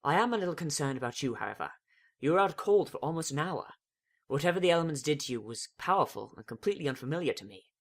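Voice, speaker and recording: A reader acts as a regal female pony princess in a storybook drama. She is calm and motherly, speaking in a measured, stately way with gently varied intonation. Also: mid-range voice. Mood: concerned.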